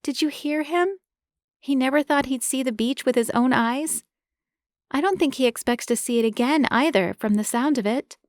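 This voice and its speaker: A woman narrator voicing a caring young woman who fusses over an injury with brisk, bossy concern. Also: fairly high pitch, lively intonation, dry recording, studio quality, pitched above the performer's own voice, natural voice. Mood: tender. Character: caring young woman, fussing, tender-hearted.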